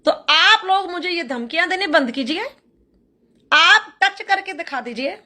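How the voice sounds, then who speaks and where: Woman going off in a vlog rant, high bright voice, super defiant. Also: animated, a little slow. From Haryana, India. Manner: fiery, defiant, emphatic. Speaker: social media creator. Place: Canada.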